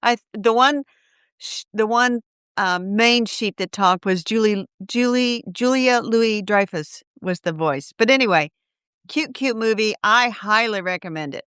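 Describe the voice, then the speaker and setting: A woman's voice: fairly high pitch, measured pace, fairly bright tone, smooth, no echo, studio quality. A woman from Indiana co-hosting a gardening podcast, talking in a friendly, casual way. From Indiana, USA. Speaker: podcast co-host. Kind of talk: casual chat.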